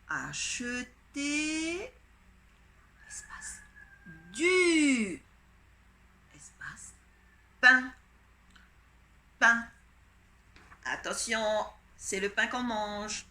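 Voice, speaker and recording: Speaking in a medium-pitched, bright and forceful voice, a female primary teacher runs a dictation lesson for kids from a home setup for an online class. Step by step, she patiently spells out each letter and stroke of the pen.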